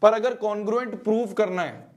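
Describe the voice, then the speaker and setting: A high-pitched man with a Hindi accent runs a live online maths class. He teases his students playfully, greets them by name and repeats his phrases again and again. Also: fairly quick, dull audio.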